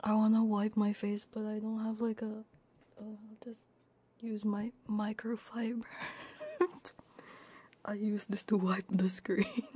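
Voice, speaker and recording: An ASMR streamer and Vtuber chats casually on her livestream, her medium-pitched voice barely moving in pitch as she talks slowly with frequent pauses. She's tearful, laughing through her crying, flustered, apologetic and self-deprecating, slipping into soft whispers right up on a close binaural ASMR microphone.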